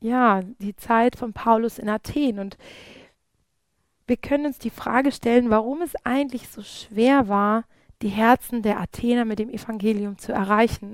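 A woman giving an earnest Bible study sermon, often pausing with fillers and restarting her phrases. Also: on the high side, no room sound. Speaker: preacher.

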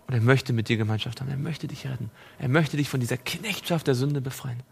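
A man preaching a sermon, reading scripture and speaking directly to his listeners, moving between raised, emphatic passages and hushed ones. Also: mid-range voice, fast talker, creaky, breathy edge. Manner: addresses listeners directly and personally; reads scripture aloud within the sermon.

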